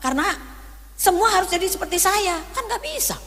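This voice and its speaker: A woman's voice: very high voice, very animated, brisk, a bit bright, big-room sound. A woman pastor preaching a sermon, telling stories and acting out quoted voices as she speaks to her congregation. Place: church hall.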